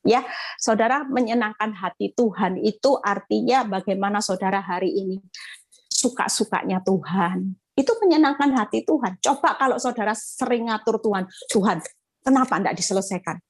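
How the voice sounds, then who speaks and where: A woman evangelist, preaching an animated sermon over a video call and addressing listeners directly. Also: medium pitch, moderate pace.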